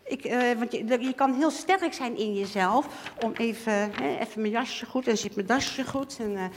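A woman giving a lively church testimony, acting out little dialogues and swinging between loud and hushed. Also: a little high, normal speed. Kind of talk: sermon testimony. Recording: long hall reverb.

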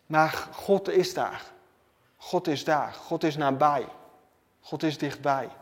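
Male preacher, fairly high voice, emphatic repetitive sermon delivery, reverberant hall sound. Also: takes it slowly.

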